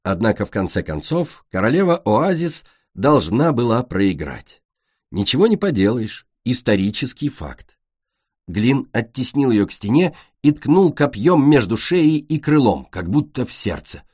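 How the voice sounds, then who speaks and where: A man narrating a children's fantasy story in an expressive way. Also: medium pitch, unhurried, husky, dry recording. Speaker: audiobook narrator. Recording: dry close recording.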